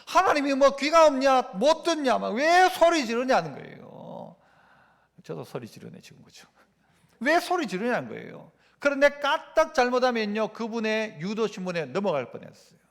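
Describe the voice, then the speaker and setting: Animated high-voiced male pastor in reverberant church. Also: moderate pace. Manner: animated, asks the congregation rhetorical questions. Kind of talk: sermon. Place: church sanctuary. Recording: long church-hall reverb.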